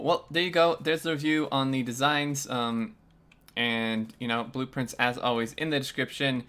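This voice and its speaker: A man's voice: medium pitch, pushed and bright, clean tone. A man hosting a casual video game review, talking with many filler sounds. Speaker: host. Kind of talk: casual gameplay review chat.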